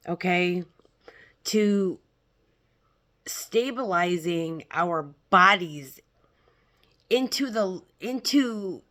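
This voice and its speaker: A woman talking casually as a self-help influencer, blunt and emphatic, haltingly checking in with her listeners. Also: on the low side, fairly bright tone.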